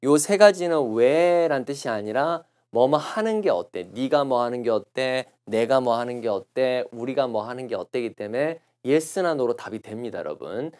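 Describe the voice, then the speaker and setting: A man lecturing on English test answers, explaining patiently and repeating phrases slowly to show how they are pronounced. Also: mid-range voice, animated, darkish tone. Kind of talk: recorded classroom lecture.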